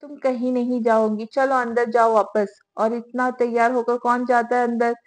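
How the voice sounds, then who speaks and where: A woman's voice: on the high side, level tone, moderate pace, faint music behind, close to an everyday voice. A woman reading the lines of a hot-tempered, possessive young husband giving curt orders. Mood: commanding. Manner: curt, commanding.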